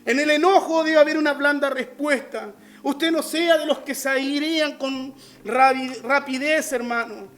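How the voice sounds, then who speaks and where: A man's voice: very high voice, steady tone, unhurried, fairly bright tone. A man with a Chilean Spanish accent, a pastor preaching an online sermon and often calling his listeners brother.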